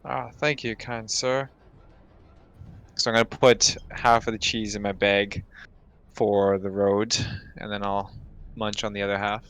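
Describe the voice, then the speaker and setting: A man's voice: fairly low pitch, flat delivery, a little slow, pauses often, fairly bright tone. A man playing a tabletop game, speaking casually and politely in character and describing his actions.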